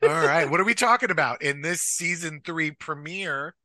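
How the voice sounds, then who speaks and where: A man's voice: fairly high pitch, normal speed, no room sound. A young man co-hosting a podcast, chatting playfully and laughing easily. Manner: jokey, laughs easily, animated. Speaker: podcast co-host, speech therapist. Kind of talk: playful casual chat. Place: New York City.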